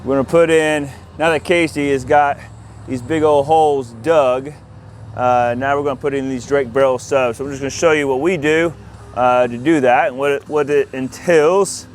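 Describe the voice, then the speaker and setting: Standing in a yard, a man who hosts an installer's video channel talks through a hands-on job in a casual, informal way. He keeps a steady tone at a normal speed, over outdoor noise and an ambient rumble.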